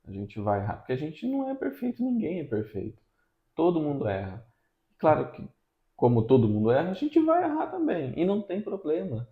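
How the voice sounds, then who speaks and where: A man, a father co-hosting, calmly explaining parenting advice in a casual chat at home. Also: fairly high pitch, brisk, narrow, tinny audio. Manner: calm, explanatory, tags lines with "né". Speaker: father and channel co-host. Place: room at home. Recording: echoey room.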